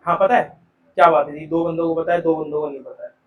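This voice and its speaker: A male teacher lectures a live commerce class in a high, bright-pitched voice, peppering students with questions and calling them "beta". He is caught from a distance by the camera, so his voice rings with the echo of the classroom. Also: little pitch movement, fast, muffled recording, a little hiss or hum. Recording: echoey classroom from far off.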